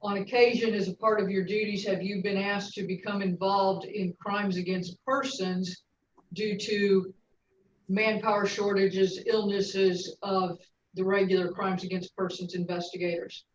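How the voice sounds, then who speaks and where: Woman prosecutor, brisk formal questioning, courtroom recording, distant and roomy, dull lo-fi sound. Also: mid-range voice, little pitch movement, a little hiss or hum.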